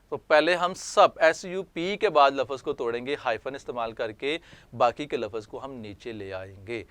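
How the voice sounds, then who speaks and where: A male teacher with a Pakistani accent giving an online lecture, explaining in Urdu and reading English sentences slowly and deliberately. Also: on the high side, fairly bright tone, clean tone, no room sound.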